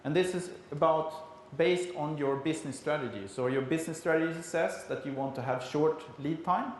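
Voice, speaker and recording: A man from Sweden with a Swedish accent gives an explanatory conference presentation in a halting delivery, as a non-native speaker. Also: fairly high pitch. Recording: very echoey room, faint background noise.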